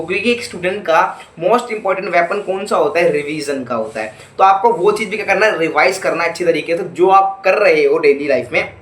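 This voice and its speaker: A man's voice: a little high, fairly bright tone. A man from India with an Indian accent, teaching a YouTube lesson and often asking rhetorical questions and checking with an "okay?". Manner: mixes in short English phrases. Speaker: English teacher. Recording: echoey room.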